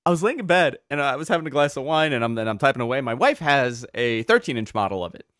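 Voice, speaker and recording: A man hosting a podcast, telling stories in an animated way and repeating words when he gets excited. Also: medium pitch, quick pace, no room sound, clean studio sound. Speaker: podcast host. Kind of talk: casual podcast chat.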